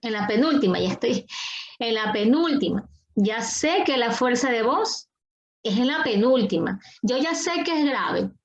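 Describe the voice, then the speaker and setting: A woman's voice: a little high, lively intonation, measured pace, lo-fi sound. A woman teaching an online class, patient and coaxing, repeating her questions to the students over a video call.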